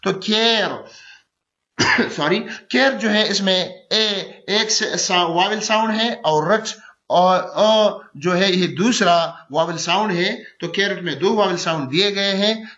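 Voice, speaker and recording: A male teacher giving a recorded grammar lecture, slowly repeating each example word several times. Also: sits high, sharp tone, dull audio.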